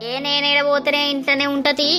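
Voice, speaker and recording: A woman's voice: high-pitched, completely flat delivery, fairly quick, pitched below the performer's own voice. A woman voicing a cheeky young village uncle with a Telangana accent, brash and joking. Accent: Telangana Telugu. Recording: soft music behind.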